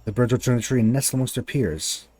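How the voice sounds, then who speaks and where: A man's voice: medium pitch, quick pace, a little mellow, faint music behind. A man narrating his video game playthrough, reading the story text aloud with casual asides.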